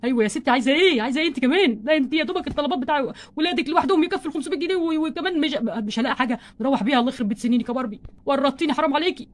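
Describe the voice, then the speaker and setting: A stingy, flustered husband doll from a homemade doll play, voiced by a woman. He grumbles in an Egyptian accent in a rapid, high-pitched rush. He complains endlessly about money. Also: close to an everyday voice. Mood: exasperated. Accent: Egyptian Arabic. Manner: exasperated grumbling, fast and wordy.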